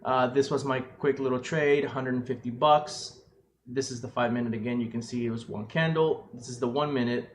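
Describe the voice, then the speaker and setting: A man recapping a day trade in a casual, rambling way, full of fillers and restarts, heard through a low-quality webcam microphone. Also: fairly even intonation, moderate pace, slight background noise. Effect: low-quality webcam microphone sound. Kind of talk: casual screen-share trading recap.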